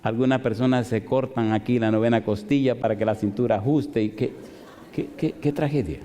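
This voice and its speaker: A man's voice: mid-range voice, brisk. Man preaching in a reverberant hall. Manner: animated, asks the audience rhetorical questions. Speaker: pastor. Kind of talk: sermon storytelling. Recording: long reverb of a large hall.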